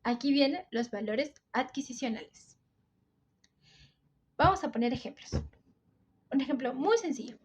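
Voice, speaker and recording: A woman's voice: sits high, lively intonation, a little slow, pauses often, breathy edge, dull audio. A teenage girl with a Peruvian coastal accent, explaining a school topic step by step in a video. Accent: Peruvian coastal Spanish. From Peru. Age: teens. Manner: explains step by step, often says "entonces". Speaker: student presenter.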